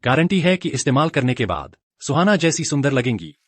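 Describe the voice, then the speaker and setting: A man's voice: mid-range voice, big pitch swings, fairly quick, a bit bright, no room sound. A man dubbing an earnest, loyal young husband in a drama. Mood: reassuring. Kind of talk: dubbed drama acting.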